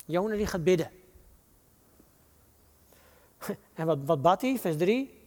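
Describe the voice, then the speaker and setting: A man with a Dutch accent preaching a sermon, reading scripture quotes slowly and building to dramatic rises. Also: high-pitched, expressive, a little mellow, in a large hall.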